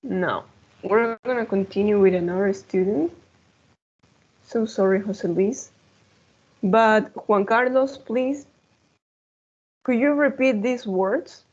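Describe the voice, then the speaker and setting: Slow careful lady english teacher on a video call, explains in too, dull lo-fi sound. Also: medium pitch, darkish tone. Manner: patient, models words and switches into Spanish to explain. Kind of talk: online class instruction.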